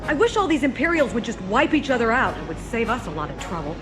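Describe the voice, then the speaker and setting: Determined Princess Leia. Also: female voice, fairly high pitch, very animated, fast talker, music in the background. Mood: wry, tense. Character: determined, plucky princess gunner. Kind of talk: science fiction audio drama acting. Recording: loud orchestral score behind.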